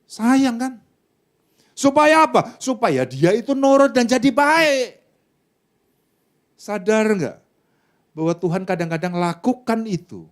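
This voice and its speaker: A middle-aged man with an Indonesian accent preaching a sermon, swinging between loud calls to the congregation and quiet asides, acting out parents scolding children. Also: high voice. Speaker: pastor.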